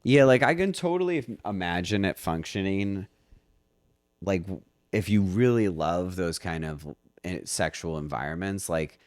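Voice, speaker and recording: A man's voice: sits low, lively intonation, moderate pace, a little mellow, no room sound, studio quality. A man hosting a casual chat, rambling with many hesitant restarts and playful teasing. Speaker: podcast host.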